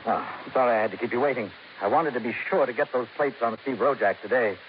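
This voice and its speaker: An actor playing a calm, kindly male hospital doctor in an old radio drama. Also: mid-range voice, fast, natural voice. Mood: businesslike. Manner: calm, reassuring. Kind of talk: 1950s radio drama acting. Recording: muffled old radio recording with hiss.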